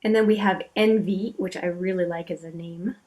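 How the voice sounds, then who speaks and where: A woman hosting a beauty channel, talking casually as she swatches eyeshadows, chatty and admiring, often trailing off into quiet asides. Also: fairly low pitch, steady tone, moderate pace.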